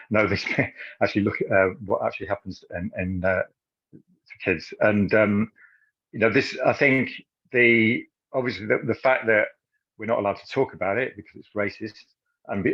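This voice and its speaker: Husky, halting man on a muffled line. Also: on the low side, no echo. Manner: halting, many fillers and restarts. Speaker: audience member. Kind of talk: casual spoken question.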